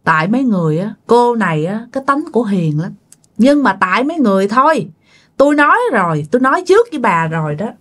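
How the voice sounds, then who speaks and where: A woman's voice: medium pitch, very animated, fast talker, voice pushed down. A woman voicing a stern older male exorcist scolding a family for their cruelty.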